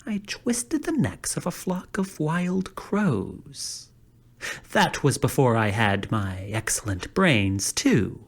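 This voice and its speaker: A woman's voice: a bass voice, very animated, takes it slowly, breathy edge, exaggerated voice. A woman voicing a cheerful, whimsical straw scarecrow in a dramatized audiobook, playful with whispery asides. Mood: jolly.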